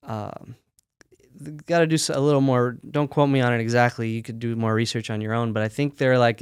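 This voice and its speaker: A man who runs a sock company, talking through his business in a relaxed, practical way during an interview. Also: mid-range voice, clean tone, no room sound, clean studio sound. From United States. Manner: relaxed, practical, talks in run-on explanations. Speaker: sock company owner, guest. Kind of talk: casual interview conversation.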